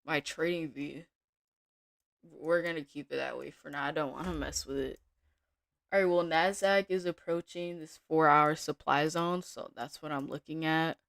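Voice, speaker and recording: A woman day trader giving casual live-stream commentary from her home desk, thinking aloud in a relaxed way with small restarts. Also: sits low, normal speed, vocal fry, no room sound.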